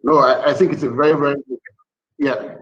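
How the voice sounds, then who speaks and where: A man's voice: on the high side, fairly even intonation, fairly quick, fairly bright tone, lo-fi sound. A man on a video-call panel, his voice fading in and out over choppy internet call audio as he keeps checking whether he can be heard. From Nigeria. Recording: distant, dropping-out call audio.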